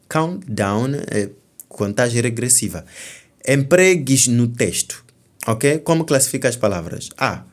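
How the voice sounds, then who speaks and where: A man with a Mozambican Portuguese accent, an exam tutor going through the answers step by step and checking in with "ok?" as he goes. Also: medium pitch. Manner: explains step by step, often stopping to say "então" and "ok?".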